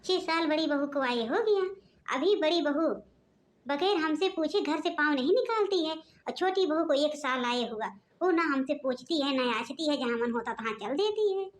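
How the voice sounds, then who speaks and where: A woman's voice: sits high, animated, moderate pace. A woman voicing a bossy, nagging mother-in-law in a cartoon, scolding and giving orders.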